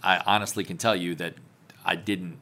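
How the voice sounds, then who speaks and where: A man's voice: deep voice, steady tone, moderate pace, creaky, bright, forceful tone. A man, a parish councilman answering interview questions in a confident, plainspoken way. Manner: confident, plainspoken, laughs easily.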